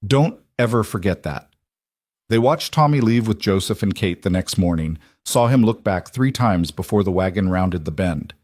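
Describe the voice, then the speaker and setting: A man reading a western audiobook in a measured scripted narration. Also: sits low, expressive, a little mellow, no echo, studio quality.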